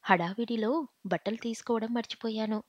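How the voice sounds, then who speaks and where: A woman narrating a first-person story as an audiobook reader, in a steady, earnest way. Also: a little high, normal speed, dry recording. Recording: slightly muffled home audio.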